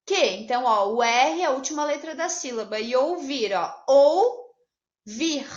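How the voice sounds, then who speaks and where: A Brazilian woman teaching a Portuguese lesson to children, upbeat and patient, checking in with the class after each point and drawing out example words slowly. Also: high-pitched, fairly bright tone. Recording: roomy, slightly dull home video audio.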